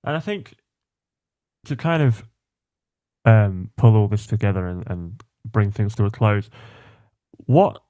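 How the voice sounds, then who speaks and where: A man hosting a podcast, heard close and dry with no room around him. His voice sits low, and he winds through long, loose questions full of fillers. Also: takes it slowly, pauses often, warm tone, no echo. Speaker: podcast host. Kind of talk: casual interview.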